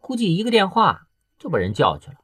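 A man's voice: high-pitched, wildly swooping pitch, fast talker, fairly bright tone, slightly rough, no room sound, studio quality, pitched above the performer's own voice, exaggerated voice. A male audiobook reader voicing a gossipy young male office coworker who talks in a dismissive, chatty way. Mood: know-it-all. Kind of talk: audiobook character voice.

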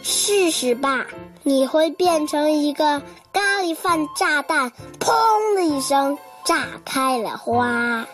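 A woman's voice: high voice, animated, slow. A woman voicing a playful, teasing young male wild cat, over children's music.

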